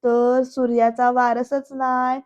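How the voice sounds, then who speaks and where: Woman doing a loud scheming uncle. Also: on the high side, little pitch movement, slow. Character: scheming middle-aged uncle, loud and plotting.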